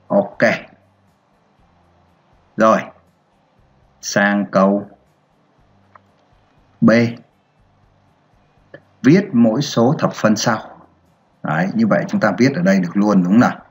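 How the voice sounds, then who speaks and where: Slow, low-voiced male math teacher. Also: soft background music. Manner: slow, step-by-step explaining with frequent check-ins to pupils. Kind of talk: screen-recorded math lesson for children.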